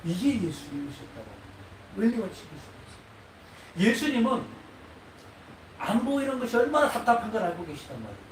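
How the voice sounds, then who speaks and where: A man preaching a sermon to his congregation as pastor, animated and often prodding listeners with quick questions. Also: very high voice. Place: church sanctuary. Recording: echoey hall, mic far off, faint noise.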